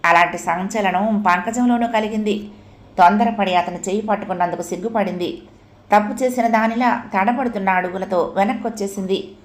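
A woman narrating a story audiobook in a measured, expressive reading voice. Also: mid-range voice, reverberant.

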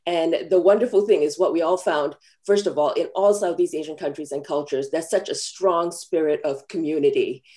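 A woman's voice: low-pitched, normal speed, few pauses, warm tone. A woman from Malaysia, a film screenwriter, answering press questions over a video call in an earnest, thoughtful way with many fillers. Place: home room, video call.

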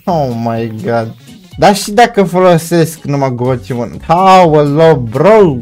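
Young male gaming creator, excitable live commentary, slightly high voice, faint music bed. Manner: excitable, shouts and laughs at swings in the fight, mixes in English slang. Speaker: gaming YouTuber.

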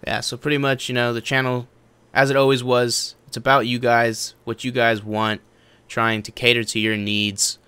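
A man's voice: mid-range voice, flat delivery, normal speed, pushed and bright, smooth, no room sound. A young man, the channel's host, giving a casual, earnest update and often repeating himself.

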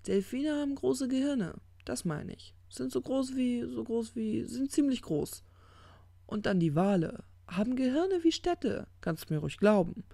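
A reader raises the voice to play a smug, tipsy demon who rambles and trips over his own words. The tone is gravelly and dark, and the recording is dry and close. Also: medium pitch, lively intonation, no room sound, voice pushed up. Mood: rambling. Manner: slurred, halting drunken ramble. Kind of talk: audiobook character reading.

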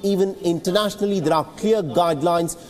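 A news correspondent in his thirties explains something earnestly in a TV newsroom, often repeating words as he builds his points. His high-pitched voice is fairly quick and darkish in tone, with a big-room sound and soft music in the background.

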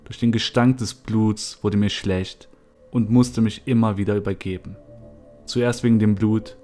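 A man narrating a horror story in the first person, in a somber, low-key manner. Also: fairly even intonation, unhurried. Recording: soft music behind.

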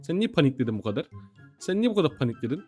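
A man's voice: a little high, big pitch swings, racing, a little mellow, faint music behind. A young man in casual, joking gameplay commentary, teasing the game characters and talking straight to his viewers. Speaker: gaming YouTuber.

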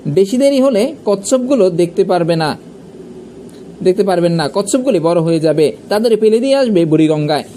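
A man with a high, light voice reads a story aloud at a calm, steady pace. He voices the dialogue softly. A faint hiss sits under the recording. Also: brisk. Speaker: audiobook reader.

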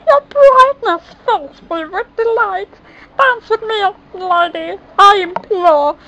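A woman's voice: very high-pitched, takes it slowly, bright, forceful tone, voice pushed up, exaggerated voice, rough recording. A woman voicing a lovestruck ghoulish prince from a storybook, theatrical and pleading. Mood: ardent.

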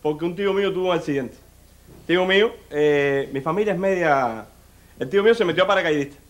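Talking fast in a fairly high voice, a Cuban-accented comedian works the stage with a chatty, audience-facing style full of "mira" and "óyeme."

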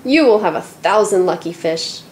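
A woman voicing a spirited seven-year-old girl in a storybook reading, exclaiming and stamping with excitement. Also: mid-range voice, moderate pace, natural voice. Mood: eager.

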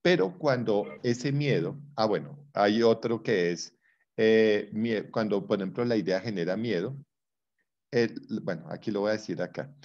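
A man's voice: lowish voice, expressive, moderate pace, a little mellow, highs cut off. A man teaching a psychology class, explaining with playful examples and teasing his students. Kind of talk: online class lecture.

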